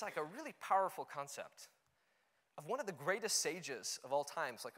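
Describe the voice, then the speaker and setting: Young guy giving a stage talk, earnest and chatty, lots of "you know", slightly high voice, big echoey hall. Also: pushed and bright. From Canada. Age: young adult. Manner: earnest, conversational, many "you know" fillers. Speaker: conference speaker. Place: auditorium stage. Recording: long hall reverb.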